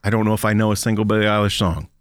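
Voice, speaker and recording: A man's voice: lowish voice, steady tone, racing. A middle-aged man co-hosting a casual chat in a joking, self-deprecating way. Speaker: podcast co-host.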